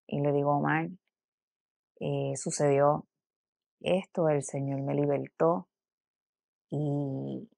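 A woman's voice: low-pitched, gravelly, no room sound. A woman giving an earnest personal religious testimony, acting out her own past words as she tells the story. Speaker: church testimony speaker.

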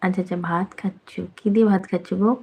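A woman's voice: lowish voice, steady tone, very fast, slightly rough, lo-fi sound. A woman hosting a live stream, chatting casually and teasingly with viewers and reading out their comments. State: slightly out of breath.

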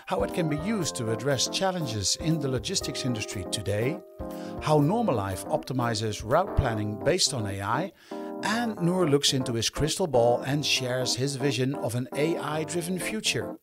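A man's voice: medium pitch, expressive, moderate pace, music in the background. A man hosting a podcast, asking questions in a friendly, hesitant way with many fillers. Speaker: podcast host. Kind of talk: podcast interview.

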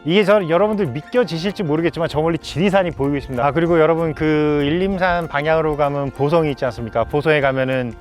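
A man's voice: fairly high pitch, fast, hardly any pauses, faint music behind. A man hosting a travel vlog outdoors on a mountain, presenting in a polite, formal style with frequent exclamations of wonder. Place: outdoors on a windy mountain top.

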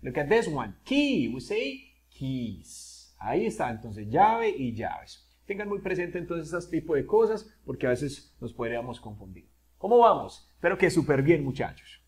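A man's voice: fairly high pitch, big pitch swings, measured pace, darkish tone. A man teaching an English grammar lesson in Spanish, asking his students questions and switching into English for examples. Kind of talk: classroom-style video lesson.

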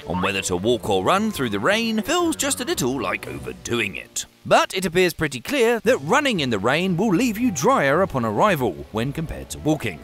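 A man's voice: on the high side, fairly bright tone. A middle-aged man narrating a science explainer in a wry, conversational, scripted way.

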